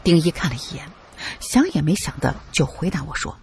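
A man's voice: a little high, big pitch swings, fairly quick, slight background noise. A male narrator telling a first-person adventure story in a dramatic, colloquial way.

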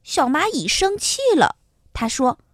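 A woman narrating a children's story in a gentle, sing-song storybook manner. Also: high-pitched, very animated, a little slow, dry recording, clean studio sound.

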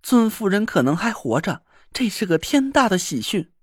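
A man's voice: high voice, very animated, husky, no room sound, clean studio sound, exaggerated voice. A man doing a stern military commander. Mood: urgent. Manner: brisk, commanding, a bit louder. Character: stern middle-aged male military commander.

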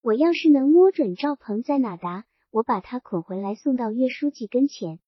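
Woman doing a cagey middle-aged village official, sly and careful, breathy, lo-fi. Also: fairly high pitch, expressive, moderate pace, no room sound. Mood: wary. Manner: cautious, probing. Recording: dull, dry lo-fi recording.

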